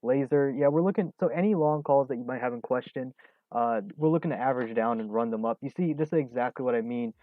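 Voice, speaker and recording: A man in his early twenties hosts a relaxed stock trading livestream, fielding viewer questions quickly with a medium-pitched voice, lots of fillers and frequent chuckles. The recording is dry and sounds narrow and tinny.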